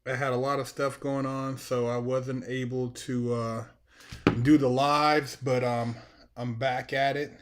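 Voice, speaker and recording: A man's voice: medium pitch, level tone, measured pace. An American man hosting a casual livestream, chatting to his viewers in a laid-back, colloquial way. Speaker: live streamer, channel host.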